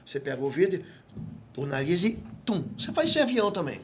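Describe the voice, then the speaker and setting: A man with a Brazilian Portuguese accent, a guest pastor teaching in an interview and telling stories with lively acted-out dialogue. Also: sits high, quick pace, a little hiss or hum. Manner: animated storyteller who acts out quoted dialogue. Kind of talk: interview, teaching on spiritual matters.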